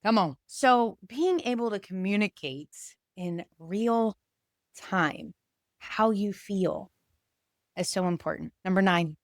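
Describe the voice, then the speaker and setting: A woman's voice: medium pitch, slow, no room sound, studio quality. A woman in her forties, a podcast host, talking candidly about relationships and acting out little quoted inner voices. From Puerto Rico. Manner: animated and candid, acts out quoted inner voices, some laughs. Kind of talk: reflective solo talk to camera.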